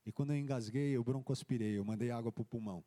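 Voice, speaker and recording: A man's voice: medium pitch, fast talker. A man, a pastor, telling his testimony in a church service, acting out the dialogue as he tells it. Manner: animated storytelling, acting out dialogue. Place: church hall. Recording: long church hall reverb.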